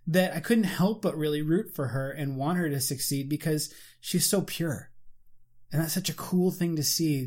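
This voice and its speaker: A man in casual conversation reviewing a movie, animated and full of fillers and restarts. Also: a little high.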